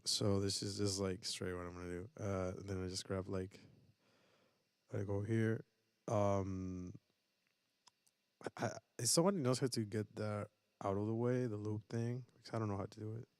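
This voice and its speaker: A man's voice: fairly low pitch, steady tone, normal speed, clear, resonant tone, dry recording. A man casually explaining vocal settings and beat-making on a live stream, rambling with many fillers and restarts.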